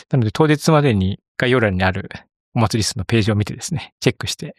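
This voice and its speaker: A middle-aged man hosting a casual podcast, giving chatty announcements at a brisk clip. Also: fairly low pitch, lively intonation, no room sound, studio quality. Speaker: podcast host.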